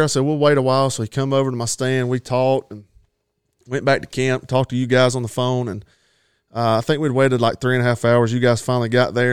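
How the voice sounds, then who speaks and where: A man's voice: mid-range voice, clean tone, no echo, studio quality. Folksy man telling a hunting story. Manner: rambling, folksy, laughs at his own story. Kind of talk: casual storytelling.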